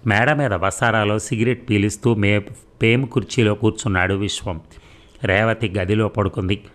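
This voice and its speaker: A man calmly narrating a story in an even, measured way. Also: lowish voice. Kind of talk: scripted narration.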